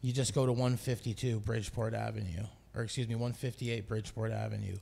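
A man's voice: lowish voice, steady tone, fast, gravelly, mellow. A man hosting a podcast in casual chat, laid-back, who repeats words and corrects himself. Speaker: podcast host.

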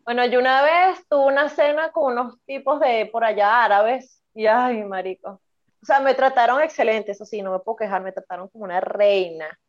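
A Venezuelan woman in her twenties co-hosts a podcast, telling stories in casual chat and swearing freely. Her voice is fairly high and moves at a normal speed, though the recording sounds muffled.

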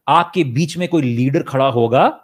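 A man speaking in an impassioned discussion, fervent, pushing his pitch up hard to stress points and mixing English into Urdu. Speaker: main speaker.

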